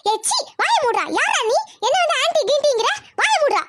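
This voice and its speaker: A woman's voice: very high-pitched, big pitch swings, brisk, a bit bright, a little hiss or hum, full character voice. Woman voicing a fretful, scolding cartoon mother. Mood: furious. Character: anxious devout middle-aged mother, fiercely proud. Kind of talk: cartoon voice acting.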